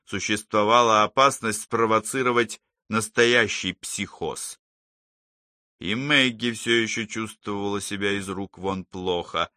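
Low, forceful male audiobook narrator. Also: no echo, clean studio sound. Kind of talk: scripted narration.

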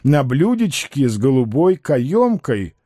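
A self-assured male con man, ironic and grandly eloquent, as a male reader puts him on. His delivery rises and falls widely, and his tone is mellow and warm. The sound is dry and close, with no room around it. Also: mid-range voice, very animated, takes it slowly, dry recording.

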